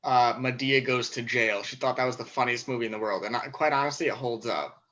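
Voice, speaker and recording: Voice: medium pitch, brisk, fairly bright tone, highs cut off. A podcast panelist in casual chat, wry, who uses many fillers and gets stuck on names.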